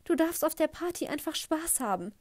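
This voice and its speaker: A woman's voice: sits high, animated, normal speed, no echo, voice pushed up. Woman putting on a gushing, tactless mom. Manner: loud, effusive, embarrassing chatter. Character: gushing tactless middle-aged mother.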